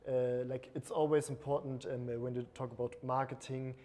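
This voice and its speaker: A man's voice: medium pitch, flat delivery, a little fast, mellow. A man who is a creative director and agency co-owner, speaking on a panel in a casual way, full of fillers like "like" and "uh". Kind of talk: panel talk. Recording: long hall reverb.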